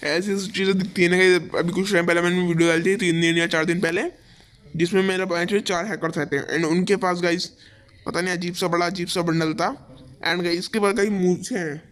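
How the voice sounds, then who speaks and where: A young man giving excitable live commentary over his own game, calling his viewers "guys" again and again. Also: sits high, a little fast. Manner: excitable, fills every phrase with "guys". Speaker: gaming YouTuber.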